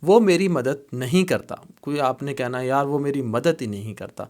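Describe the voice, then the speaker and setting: A man's voice: medium pitch, a little mellow. A man teaching spoken Arabic phrases, explaining them in Urdu and repeating each phrase several times at a patient pace. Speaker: language teacher.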